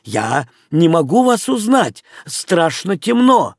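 A man voicing an indignant innkeeper who shouts through a door, his voice raised high and loud. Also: sing-song, takes it slowly, no room sound, clean studio sound, full character voice. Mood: wary.

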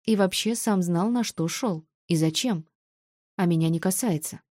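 Wry low-voiced woman narrating a novel. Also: normal speed, dry recording, clean studio sound. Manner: wry, sharp-tongued. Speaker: audiobook narrator. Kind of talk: first-person novel narration.

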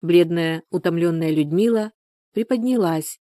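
A woman narrating a story as an audiobook, in an even, measured way. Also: lowish voice, dry recording, clean studio sound.

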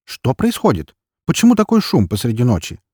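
A man's voice: medium pitch, wildly swooping pitch, fairly quick, darkish tone, slightly rough, dry recording, studio quality, voice pushed up. A man voicing an indignant neighbor woman in her forties who scolds in a raised voice. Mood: annoyed.

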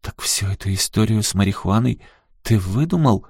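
A man's voice: lowish voice, animated, moderate pace, gravelly, darkish tone, slightly rough, dry recording, studio quality, voice pushed up, full character voice. A man voicing an anxious middle-aged mother who asks alarmed questions.

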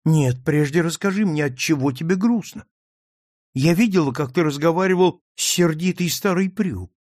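A man voicing a gentle little girl who speaks softly and earnestly. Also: sits low, normal speed, no echo, studio quality, pitched above the performer's own voice. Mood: eager. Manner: soft, earnest.

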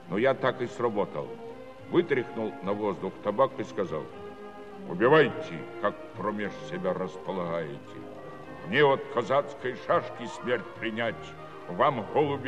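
In a 1979 studio recording of a stage musical, an actor plays a proud, earnest Cossack village chairman recounting a bandit attack in a theatrical monologue. He tells it in folksy rural storytelling style with dramatic pauses. His natural, mid-range voice carries a long reverb tail.

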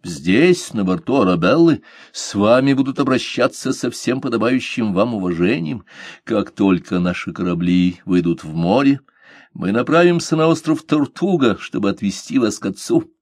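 A man voicing a courtly pirate captain who speaks calmly, courteously and with gentle irony. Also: lowish voice, moderate pace, no echo, studio quality.

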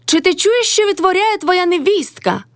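A woman's voice: sits high, expressive, fairly quick, a bit bright, no room sound, voice pushed up. A woman voicing a bossy, nagging older peasant mother-in-law who scolds her household. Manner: nagging, commanding.

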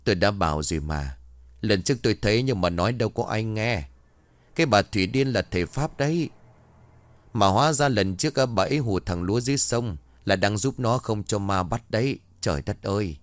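A man voicing an excitable, talkative male villager who exclaims in a raised voice. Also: fairly low pitch, brisk, no room sound, close to an everyday voice. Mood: excited.

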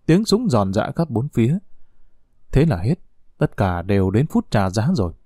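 A man reading a war novel aloud as an audiobook narrator, with expressive, dramatic delivery. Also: on the low side, moderate pace, no room sound, clean studio sound.

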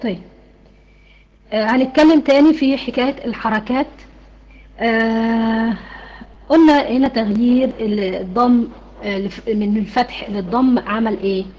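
A woman's voice: on the high side, normal speed, pauses often, highs cut off. A woman with an Egyptian Arabic accent teaching an online Quran recitation class, asking her students questions and then answering them herself.

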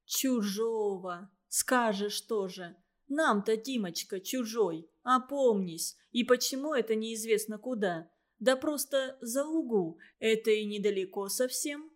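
A soft, slow-spoken uncle, portly and kind, coaxing a child with patient warmth, as a woman reads him aloud. The voice sits a touch low and unhurried in a storybook telling. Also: close to an everyday voice. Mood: hurt. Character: kindly, portly middle-aged uncle, gentle and soft-spoken. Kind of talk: storybook reading.

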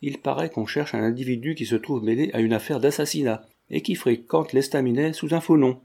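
A man reading the part of a sly old man who pretends to be deaf and talks in a lowered, scheming way. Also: a little fast, creaky, dark tone, breathy edge. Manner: lowered, conspiratorial speech.

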